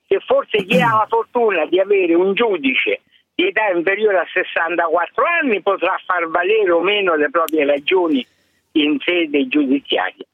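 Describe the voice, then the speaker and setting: A man in his seventies calling in to a radio show over the phone, explaining his point in a measured way with dry self-mockery. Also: sits high, sing-song, creaky. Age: 70s. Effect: heard over a phone line. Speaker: radio caller. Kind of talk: call-in radio talk. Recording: tinny phone line, dry.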